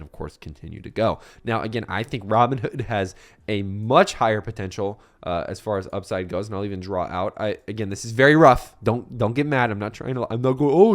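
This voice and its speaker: A young man hosting a casual crypto video, chatty and rambling, with a voice that is a bit rough today. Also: lowish voice, brisk. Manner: chatty and rambling, many fillers and restarts. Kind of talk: casual market commentary.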